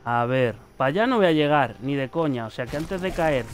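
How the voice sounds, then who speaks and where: A man with a Spain Spanish accent giving excitable gameplay commentary, swearing and shouting warnings at the screen. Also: mid-range voice, fairly quick, background noise. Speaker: gaming youtuber.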